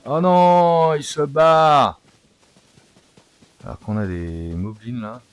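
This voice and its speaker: Male let's-play streamer, excitable, coaxes the game aloud as he plays. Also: medium pitch, slow pace, clean tone. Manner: excitable, coaxing, talks to the game. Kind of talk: live gameplay commentary.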